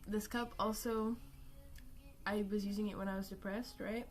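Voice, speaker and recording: A woman's voice: medium pitch, level tone, moderate pace. Young woman, casual live-stream chatter, rambling and self-mocking, music playing behind her. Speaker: art streamer.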